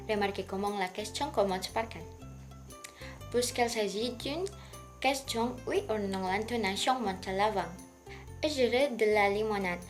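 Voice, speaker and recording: A woman's voice: mid-range voice, close to an everyday voice. A young woman, playing a restaurant customer and explaining French phrases in a student video. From Indonesia. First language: Indonesian. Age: 20s. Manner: explains slowly, learner's French. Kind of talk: classroom role-play and explanation.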